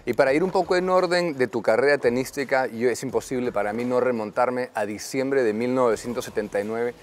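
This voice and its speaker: A man's voice: mid-range voice, brisk, a little hiss or hum. A man in his forties hosting an interview on an outdoor tennis court, speaking in a friendly, orderly way with some hesitant fillers. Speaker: host. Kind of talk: casual interview.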